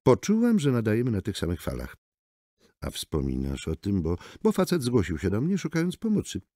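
A man's voice: on the low side, wildly swooping pitch, fairly quick, warm tone, no echo, clean studio sound, voice pushed up. A man voicing a brusque, mocking woman lawyer in an audiobook. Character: sharp-tongued sardonic woman lawyer. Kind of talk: audiobook character voice.

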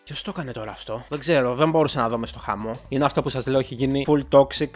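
Slangy excitable man commenting on gameplay. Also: medium pitch, soft background music. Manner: slangy, chatty, calls viewers "bro"; excitable outbursts while playing. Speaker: gaming YouTuber.

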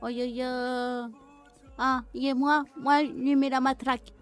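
Woman voicing a bubbly foreign medic, high voice, broken speech, game role-play. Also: little pitch movement, moderate pace, soft background music, close to an everyday voice. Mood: babbling. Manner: broken pidgin speech, repeats herself. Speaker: streamer role-playing a medic.

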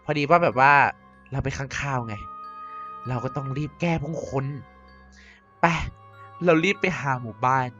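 Voicing a scheming vampire queen in a Minecraft cartoon, a narrating YouTuber who handles every character speaks with an extremely low pitch, a moderate pace, and long pauses, while her tone stays fairly bright. The queen comes across as vain, mischievous, theatrical, and self-important. Faint music plays, and the audio is slightly dull.

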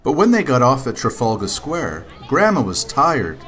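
A father reading a children's picture book aloud with expressive, animated storytelling. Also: mid-range voice, normal speed, faint music behind.

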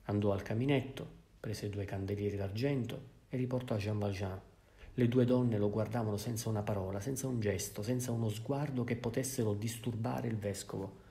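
A man with an Italian accent reading a classic novel aloud in measured, even narration. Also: on the low side. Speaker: audiobook reader. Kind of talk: literary audiobook narration.

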